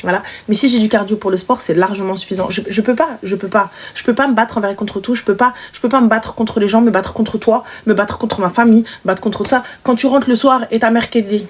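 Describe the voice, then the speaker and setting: A woman's voice: medium pitch, fairly even intonation, fast, few pauses, slight background noise. A young woman hosting a live call-in stream, speaking bluntly and teasing her callers. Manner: blunt, teasing, switches into exaggerated mother voices. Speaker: live stream host taking calls. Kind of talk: casual live call-in chat.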